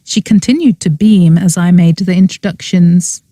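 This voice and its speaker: A woman narrates a cozy mystery audiobook with a mellow, relaxed tone and a slightly low pitch. She tells the story expressively, and the recording is close and dry. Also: moderate pace, dry recording.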